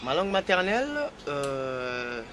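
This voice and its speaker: This Guinean singer, a native Fula speaker, has a rather high voice and is very animated, though he takes things slowly and hesitantly in a casual interview. He repeats words and leans on "tu vois" often, with traffic noise around him.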